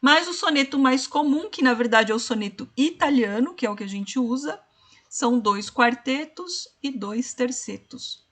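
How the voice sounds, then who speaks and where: A woman giving an online literature lesson. She explains step by step, checks in with "né?" and slows down to count syllables and spell out rhyme schemes. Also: high voice, animated, a bit bright. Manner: explanatory, repeats "né?" and "ó". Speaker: literature teacher. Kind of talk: online tutoring session.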